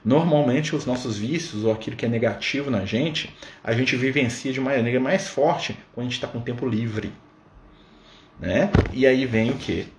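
A man's voice: mid-range voice, normal speed. A man leading an informal religious study on a livestream. He talks conversationally and keeps checking in with his listeners. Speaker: spiritist study leader. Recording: echoey room with faint background noise.

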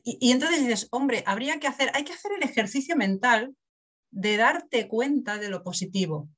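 A woman's voice: on the high side, moderate pace. A middle-aged woman from Barcelona, an author telling stories in a casual interview and laughing often. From Barcelona, Spain. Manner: animated storyteller, acts out quotes, laughs often.

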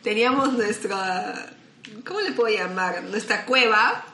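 A Peruvian woman, a food content creator, chatting casually as a podcast guest and telling animated stories with quoted dialogue. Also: medium pitch, a little slow, roomy sound, a little hiss or hum. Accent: Peruvian Spanish. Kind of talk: casual interview chat.

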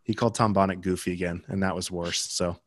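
A young American man co-hosts a podcast, chatting casually about basketball results with plenty of fillers and restarts. He speaks fast in a low voice with fairly even intonation, recorded in studio quality without echo.

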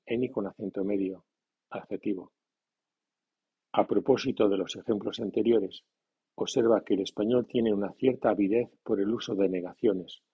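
A man teaching a grammar lesson in a measured, scripted way, reading example sentences slowly. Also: lowish voice, slightly rough. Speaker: language teacher. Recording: dull lo-fi sound.

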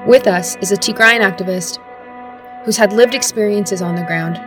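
Female narrator, measured scripted read, guitar bed underneath. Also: medium pitch. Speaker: host narrator. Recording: narration over guitar music. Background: guitar music.

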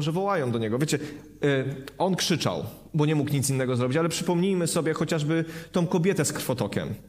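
Earnest preacher man, fairly high voice. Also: darkish tone. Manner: earnest, repeats phrases and asks rhetorical questions. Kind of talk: sermon.

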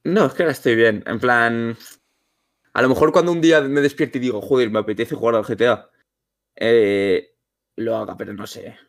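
A young man, a guest in a casual chat, telling stories in a relaxed way. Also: medium pitch, moderate pace. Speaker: guest streamer.

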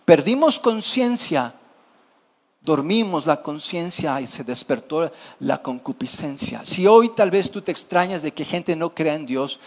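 A man, preaching a sermon in a conversational way and asking the congregation questions. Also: on the high side. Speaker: pastor.

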